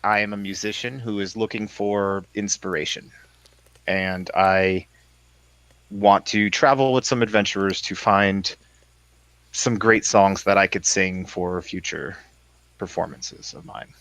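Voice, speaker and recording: A man with a lowish voice, chatting loosely as a player in a tabletop game. He rambles, hedges with fillers and laughs a lot. The sound is dry and close. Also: fairly even intonation, measured pace, a bit bright, no echo. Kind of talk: casual tabletop game chat.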